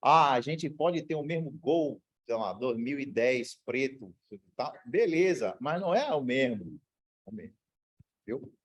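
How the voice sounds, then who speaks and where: Man, from Brazil, law professor, university lecture, casual slangy delivery, husky voice. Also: medium pitch, rough recording. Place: lecture room.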